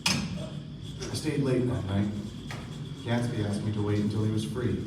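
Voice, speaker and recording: This is an actor on stage during a live radio play, voicing a reflective young narrator who looks back on wealthy friends in written literary prose. His voice is fairly low, steady and natural, a little slow, heard from a distance in an echoey space with music and background noise.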